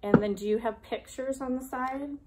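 A preschool devotion host in a small classroom indoors chats and reads aloud to young children, asking them simple questions to encourage them. Her voice sits high at a moderate pace, and there's heavy background noise.

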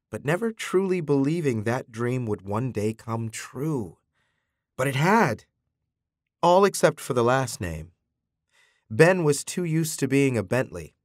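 A man narrates an audiobook in a measured, expressive way. His pitch moves in lively swings across each line. The studio sound is close and dry. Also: dry recording. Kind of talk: scripted narration.

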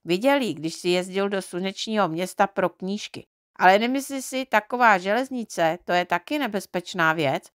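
A woman voicing a boastful, careless little boy mite from a storybook, raising her voice into a cocky, excitable tone. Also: medium pitch, no room sound, studio quality, lightly acted.

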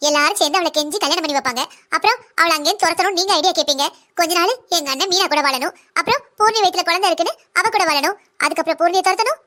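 A woman as a blunt young daughter-in-law: very high, bright, rapid-fire cartoon voice, lecturing and defiant. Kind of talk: cartoon drama voice acting.

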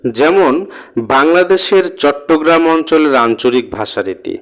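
A man's voice: a little high, lively intonation. A man teaching a grammar lesson, reading from the textbook and adding explanations for his students. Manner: slow, deliberate reading with spoken asides to students.

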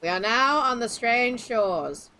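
Bright, animated woman streaming a game. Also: on the high side, slow, a little hiss or hum, rough recording. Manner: playful, chatty, exclaiming. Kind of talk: casual gameplay commentary. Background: game music.

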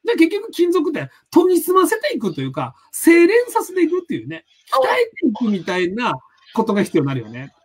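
A man's voice: very high voice, huge pitch swings, a little fast, few pauses, husky. A man with a Tsugaru dialect accent, hosting a casual live-stream chat as a lecturer, rambling and hunting for words with lots of fillers. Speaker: host, personality psychology lecturer.

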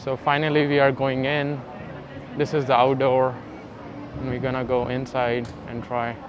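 A young man at medium pitch and normal speed hosts a food vlog from a busy restaurant, clip-on mic attached. Background noise and diners' chatter surround his relaxed narration as he tastes and describes each dish.

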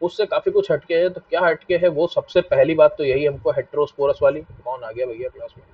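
A man's voice: a little high, fairly even intonation, a little fast. Man teaching a lo-fi online biology class. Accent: Hindi. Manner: repetitive, asks students questions and scolds them to stop fighting. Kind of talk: live online class lecture. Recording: dull lo-fi mic, a bit distant.

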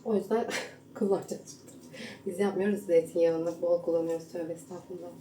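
A woman's voice: on the low side, fairly even intonation, a little fast, distant mic. A young woman chatting to viewers while she cooks at home, now and then keeping her voice down for a sleeping family. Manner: hushed at times so as not to wake her husband and baby. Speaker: home cooking vlogger. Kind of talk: casual kitchen vlog chat. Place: home kitchen. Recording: roomy kitchen echo, camera set back, household noise.

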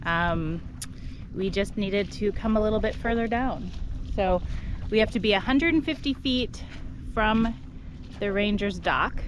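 A woman's voice: medium pitch, measured pace, long pauses. Chatty woman vlogging outdoors. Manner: chatty, laughs often. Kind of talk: casual travel vlog chat. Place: outdoors on an island beach and boat. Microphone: action camera held at arm's length. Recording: outdoor wind and water noise.

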